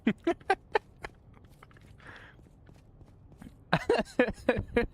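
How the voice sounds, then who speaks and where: A man's voice: extremely high pitch, very animated, drawn-out words, a bit bright. A young man streaming and chatting casually with his viewers, laughing often and talking with food in his mouth. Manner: laughs often, talks while eating.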